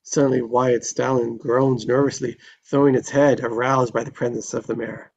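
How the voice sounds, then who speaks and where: At a live table read, a man narrates the screenplay's stage directions in a descriptive storytelling style. His medium-pitched voice is creaky and darkish, delivered flatly at normal speed. The recording sounds dull and lo-fi, with faint noise.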